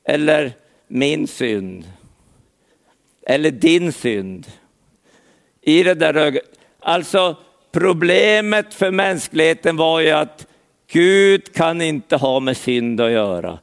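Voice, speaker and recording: Earnest Swedish-language preacher, fairly high voice. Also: male voice, lively intonation, vocal fry, long pauses. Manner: earnest preaching, addresses listeners by name. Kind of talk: sermon.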